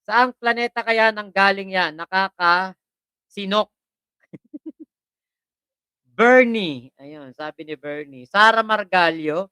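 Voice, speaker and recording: A chatty livestream host who reads out viewer comments, greets them one by one by name, and laughs often. The voice is bright and smooth. It sits very dry and close to the mic. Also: mid-range voice, slow, pauses often, no room sound. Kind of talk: casual livestream chat.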